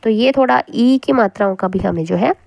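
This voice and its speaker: A woman teacher explaining a spelling lesson patiently, repeating words slowly to show how they sound. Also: fairly high pitch, creaky, a little mellow.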